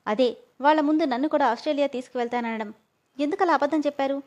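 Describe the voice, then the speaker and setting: A woman's voice: high voice, fast, darkish tone, lightly acted. A woman voicing a timid young village woman who speaks in a tearful, pleading way. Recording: dull lo-fi audio.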